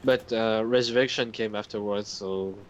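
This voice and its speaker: A man's voice: fairly low pitch, steady tone, normal speed, muffled recording, slight background noise. A man guest on a gaming stream, explaining the game hesitantly with fillers. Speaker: guest player. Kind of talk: casual gaming chat.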